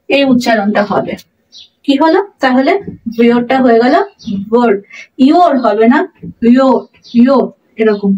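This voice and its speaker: A fairly high-voiced woman explains pronunciation as a teacher. She repeats each example word slowly and with care. Her voice sounds a bit distant from the mic. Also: a little mellow, highs cut off.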